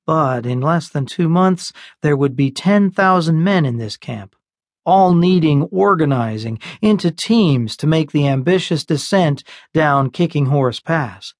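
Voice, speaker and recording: A man narrating an audiobook in a measured, unhurried storytelling manner, recorded close on a studio mic. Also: on the high side, expressive, no echo. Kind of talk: scripted narration.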